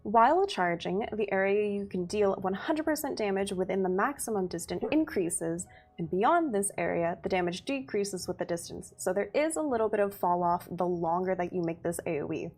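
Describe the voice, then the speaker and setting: A woman with a medium-pitched, darkish voice presents a game update on a livestream as community manager. Her manner is upbeat and giggly, and she reads out skill details steadily.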